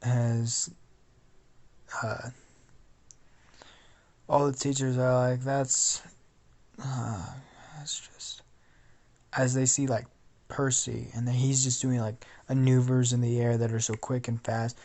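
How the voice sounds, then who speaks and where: Slow, gravelly young man telling a story. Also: mid-range voice, flat delivery, mellow. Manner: rambling, full of fillers and restarts. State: sleepy. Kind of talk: casual fan-fiction narration.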